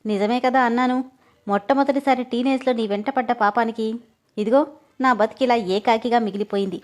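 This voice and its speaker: A cheeky young man who keeps ribbing his friend with a grin in his voice, read by a female storyteller. The voice stays fairly high and light and plays every jab as a joke. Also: steady tone, a little fast, lightly acted. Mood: teasing. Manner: mocking and playful. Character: teasing, joking young man.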